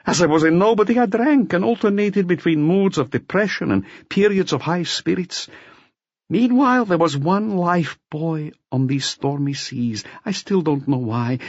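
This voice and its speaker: For an audiobook, a man acts out a bitter, self-loathing drunkard confessing with agitated self-pity. His voice is on the high side, and the recording is dry and muffled.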